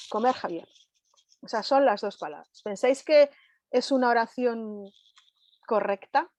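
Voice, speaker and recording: A woman's voice: medium pitch, a little mellow, dry recording. Chatty lecturer woman, dry sound. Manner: conversational, constantly checking in with the audience. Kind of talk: live online lecture.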